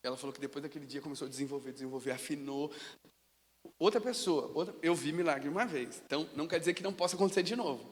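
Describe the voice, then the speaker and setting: Male pastor, high-pitched, lively storyteller from the pulpit; reverberant sanctuary sound. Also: very fast. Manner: storytelling, animated, casual. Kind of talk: sermon. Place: church sanctuary. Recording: long reverb of a church hall.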